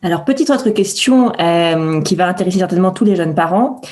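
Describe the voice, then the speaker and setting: A woman's voice: on the low side, brisk, darkish tone. Polite woman interviewer. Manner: polite, asks questions. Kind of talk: hospital interview.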